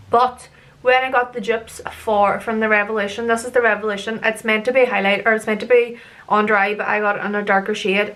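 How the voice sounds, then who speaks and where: A woman's voice: mid-range voice, a bit bright. A young woman chatting casually through her makeup routine as a beauty vlogger, rambling and tripping over her words as she laughs at herself. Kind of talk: casual makeup tutorial chat.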